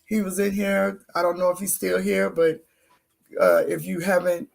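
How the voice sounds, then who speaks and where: Hoarse gravelly woman hosting a livestream. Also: lowish voice, flat delivery, normal speed, darkish tone. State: hoarse, losing her voice. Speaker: livestream host. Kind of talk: casual livestream chat.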